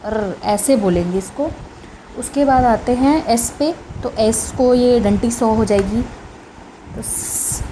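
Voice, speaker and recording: Woman phonics teacher, slow and mellow, repeats sounds for learners, faint room noise behind. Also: fairly high pitch, poor audio. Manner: slow, repeats each sound several times. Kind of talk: casual spoken lesson.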